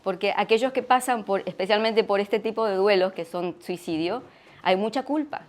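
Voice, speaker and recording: Middle-aged Argentine woman, church testimony, earnest and reflective, halting with many restarts. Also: medium pitch. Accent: Argentine Spanish. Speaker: guest speaker sharing testimony.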